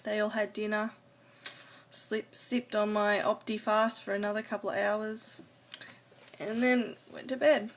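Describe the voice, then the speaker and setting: A woman's voice: mid-range voice, little pitch movement, unhurried, a little hiss or hum. Woman doing a casual vlog update, kinda hesitant, rambles and trails off. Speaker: vlogger. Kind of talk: casual personal video diary.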